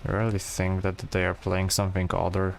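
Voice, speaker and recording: A man giving relaxed, rambling gameplay commentary, full of fillers and restarts. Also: low voice, a little fast, vocal fry. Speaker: gameplay streamer.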